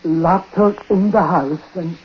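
An actor playing a dying, superstitious old uncle in a 1940s radio drama, speaking haltingly in short, weighty phrases. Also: male voice, sits high. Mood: weary confession. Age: older. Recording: muffled, noisy 1940s radio recording.

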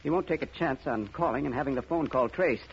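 In a muffled, noisy old radio recording, a male actor in a 1950s radio drama plays a frightened man begging urgently for help. His mid-range, natural voice moves briskly, with breathless, pleading phrasing full of terror and desperation.

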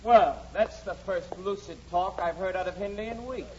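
A man's voice: high voice, normal speed, a little hiss or hum, natural voice. Man playing a sardonic, tormented brooding lover. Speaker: Heathcliff. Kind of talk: 1940s radio acting. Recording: dull old radio broadcast.

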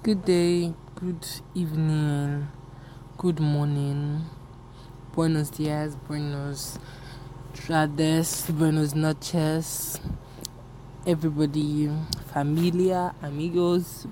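Poor audio with a little hiss or hum carries the low-pitched, warm voice of a young adult Nigerian woman whose first language is Yoruba. Hosting her podcast alone in Nigerian-accented English, she rambles casually, candid and quick to laugh at herself.

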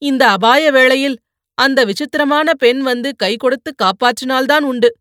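A woman reading a novel aloud as an audiobook narrator, steady and expressive. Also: high voice, moderate pace, no room sound, clean studio sound. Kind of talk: scripted storybook narration.

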